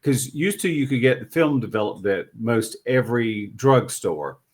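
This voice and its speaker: A man's voice: medium pitch, animated, a little slow, breathy edge. A middle-aged or older man interviewing casually, reflective, feeling his way through his phrasing.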